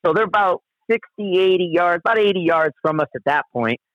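A man with a slightly raised pitch tells a rambling, profane anecdote in loose conversational style, often restarting his sentences. The recording is dull and dry, with no room sound. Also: lively intonation, a little fast, dry recording. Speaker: guest storyteller. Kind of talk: casual spoken anecdote.

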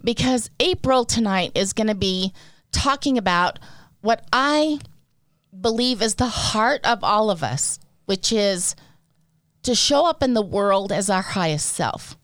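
A woman's voice: mid-range voice, animated, measured pace, fairly bright tone, dry recording, clean studio sound. A woman co-hosting a podcast, talking in an earnest, emotional and emphatic way about showing up for others. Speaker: podcast co-host. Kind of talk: heartfelt casual podcast talk.

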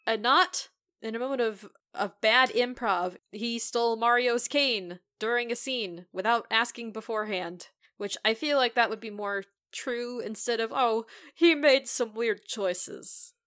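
A woman co-hosting a podcast in casual, animated chat, recapping a show and acting out quotes. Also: on the high side, normal speed. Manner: animated, giggly, acts out quotes. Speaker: podcast co-host.

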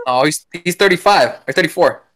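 A man of ordinary pitch in a loose podcast chat, his voice rising and dipping with lively movement. He laughs often and swears freely, keeping the banter easygoing. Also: a little fast. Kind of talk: casual chat.

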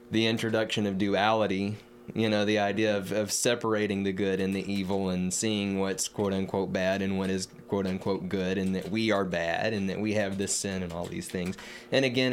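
A man's voice: lowish voice, slight background noise. A man in a reflective spiritual discussion, talking thoughtfully with frequent repeated words.

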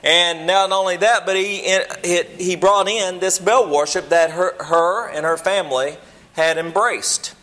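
A man's voice: high voice, fairly even intonation, a little slow, bright, forceful tone. A man preaching a Bible lesson to a church group in a folksy, plain-spoken, humble way, often rephrasing as he goes. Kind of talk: sermon, teaching a church group.

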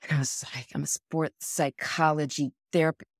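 A woman in her forties, co-hosting a podcast and telling a story in a frank, animated way, acting out what others said. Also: low voice, normal speed, dry recording, studio quality. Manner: animated, acts out other people's words; frank, swears casually. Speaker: podcast co-host. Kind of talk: casual storytelling.

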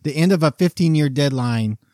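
A man's voice: on the high side, fairly quick, darkish tone, no room sound, clean studio sound. A man on a podcast, joking at his own expense with easy laughs. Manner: laughing, self-deprecating. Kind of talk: casual podcast chat.

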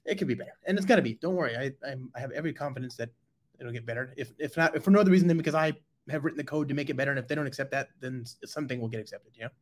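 A man hosting a casual tech chat show, excitable and full of restarts, laughing often. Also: mid-range voice, rapid-fire. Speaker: podcast host.

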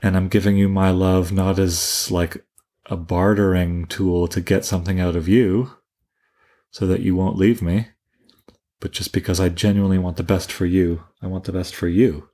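Low-voiced man musing through a book. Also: level tone, normal speed, warm tone. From Canada. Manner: musing, thinks aloud with restarts. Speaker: podcast co-host. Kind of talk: casual book discussion.

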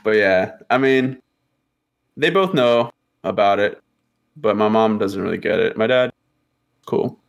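Guesting on a podcast, a twenty-something man keeps the conversation casual and full of slang, tossing in "bro" often. He speaks at a measured pace in a lowish, creaky, expressive voice and pauses often, and the audio sounds dull.

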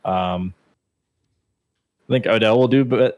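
A man's voice: lowish voice, measured pace, no echo, highs cut off. A man in a casual chat giving fantasy picks in a matter-of-fact way. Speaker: fantasy league member on podcast.

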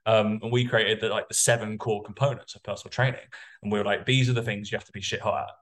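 Low-ish voiced trainer guy on a podcast, rambly and candid, lots of swearing. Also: fairly even intonation, fast, a bit bright. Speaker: personal trainer and course creator. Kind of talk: casual podcast conversation.

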